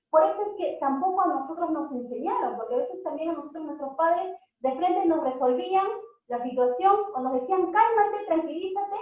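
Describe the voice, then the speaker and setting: Speaking to parents in a high voice with a darkish tone, a woman poses many questions to her audience and drags out the words she means to emphasize. The recording sounds dull and heavily echoey, as if made in an empty room with a poor-quality microphone.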